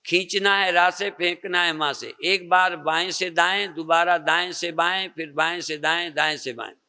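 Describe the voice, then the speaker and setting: An older Indian man, a spiritual teacher, slowly guiding a group through meditation and breathing with soft repeated coaching. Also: high-pitched, fairly even intonation, clean tone. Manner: slow, repetitive soft coaching with pauses. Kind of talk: guided meditation and breathing instruction. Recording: long reverb of a hall.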